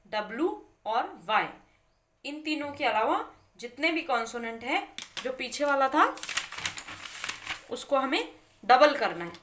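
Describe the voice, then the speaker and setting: A woman's voice: sits high, a bit bright. A woman teaching English spelling rules in Hindi, stressing example words and asking and answering her own questions.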